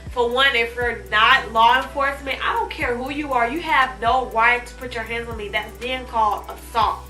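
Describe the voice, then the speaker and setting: Woman host, casual rambling commentary, bright voice, echoey room. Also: fairly high pitch, fairly even intonation, moderate pace, soft background music. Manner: rambling, many ums and restarts.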